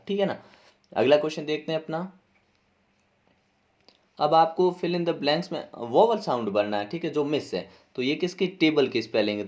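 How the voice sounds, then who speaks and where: A man teaching a class lesson as he walks through an exam paper, explaining each answer step by step and spelling words out letter by letter, with a Hindi accent. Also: mid-range voice. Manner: explains step by step, keeps asking "ठीक है ना".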